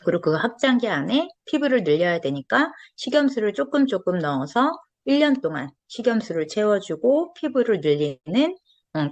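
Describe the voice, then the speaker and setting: A woman's voice: on the low side, darkish tone, no room sound. A woman in her forties giving an earnest testimonial talk as a lecturer, recorded close and dry. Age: 40s. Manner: earnest, storytelling.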